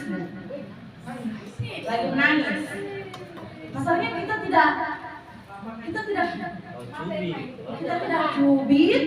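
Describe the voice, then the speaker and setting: A woman teacher telling a problem from her class in an earnest, hesitant way, with many restarts. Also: high-pitched. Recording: echoey room, far from the mic, crowd behind.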